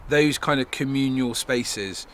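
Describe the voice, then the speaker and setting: A man's voice: mid-range voice, unhurried, a bit bright, slight background noise. A man interviewing people on location in a casual chat, prompting them with friendly questions and short yeahs.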